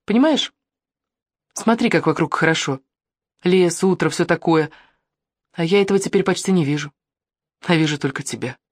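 A man reading an audiobook and voicing a playful, lovestruck teenage girl with a teasing, excitable manner. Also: on the high side, moderate pace, long pauses, no room sound, studio quality, lightly acted. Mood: dreamy.

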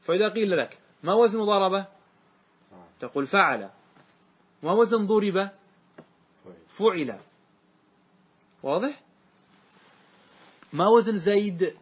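A man's voice: high voice, lively intonation, slow pace, long pauses, slightly rough. A man teaching a grammar lesson in a classroom, quizzing his students and having them answer back. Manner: questioning, drills students in call and answer.

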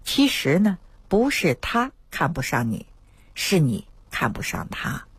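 沙哑的女中医，讲话抑扬顿挫. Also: female voice, on the low side, breathy edge, dry recording. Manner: lively storytelling, acts out patients' quoted words. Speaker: traditional Chinese medicine doctor on radio. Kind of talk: radio health talk with storytelling. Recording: dry radio studio.

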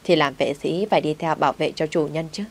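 A woman's voice: sits low, steady tone, a little fast. A woman voicing a cool, dismissive young man with a curt, teasing manner, in a storybook reading.

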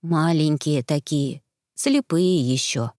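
A woman voicing a sick, earnest young boy who sounds hoarse and talks slowly in a storybook reading. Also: low-pitched, a little mellow, no echo, clean studio sound. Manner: slow, reluctant, earnest.

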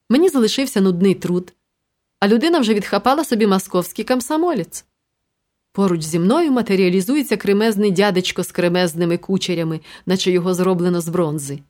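A woman reads a novel aloud in the first person. Her telling is wry and ironic. Her voice sits at an ordinary middle pitch. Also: darkish tone. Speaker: audiobook narrator. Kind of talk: first-person audiobook narration.

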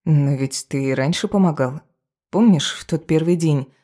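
A woman's voice: low-pitched, normal speed, dark tone. A weary young witch, voiced by a reader. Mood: weary, curious. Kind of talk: audiobook character voice.

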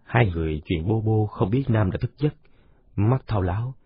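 A man narrating a children's story in a steady, unhurried way. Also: lowish voice, husky, no room sound. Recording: dull lo-fi recording.

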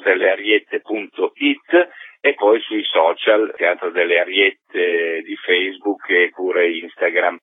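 Over a tinny, muffled telephone line, a theatre maker is interviewed about his work and explains it reflectively and articulately. His voice is lowish and husky, with no room sound.

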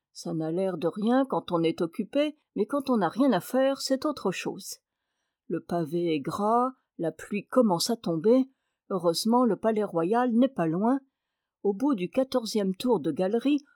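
A woman reading a classic novel aloud in a measured, expressive narration. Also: medium pitch, dry recording, clean studio sound. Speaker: audiobook reader. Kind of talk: literary narration.

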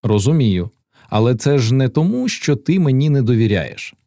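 A man's voice: mid-range voice, big pitch swings, normal speed, mellow, no echo, studio quality. A man reading a young poet's lines in an audiobook, tender and lightly playful. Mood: dreamy.

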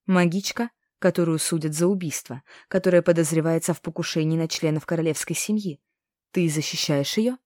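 A woman's voice: sits low, darkish tone, no room sound, clean studio sound, lightly acted. A woman voicing a cold, menacing male inquisitor. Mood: mocking. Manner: slow, measured, threatening. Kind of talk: audiobook character voice.

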